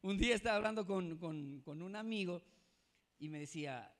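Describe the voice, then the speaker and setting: Salvadoran pastor preaching in lively chat. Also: male voice, high-pitched, moderate pace. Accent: Salvadoran Spanish. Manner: conversational preaching, often addresses listeners as "hermano", laughs at his own jokes. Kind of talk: sermon. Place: church.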